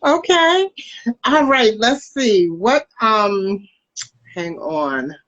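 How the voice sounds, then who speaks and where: A chatty, upbeat woman hosts the interview, her pitch bouncing up and down as she talks. The sound is dull and lo-fi, as if coming in over a remote link. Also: animated, extremely slow, a bit bright. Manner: chatty, upbeat, reads out viewer questions. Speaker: host. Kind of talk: casual interview chat.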